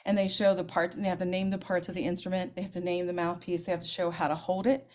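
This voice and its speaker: A woman's voice: lowish voice, fast. Chatty woman band teacher explaining technique. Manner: lively, chatty, demonstrates as she talks. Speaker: middle school band director.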